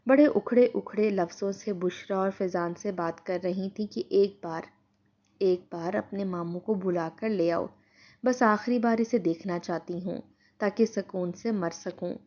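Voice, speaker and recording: A woman narrating a first-person moral story in a steady, earnest storytelling tone. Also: mid-range voice, muffled recording.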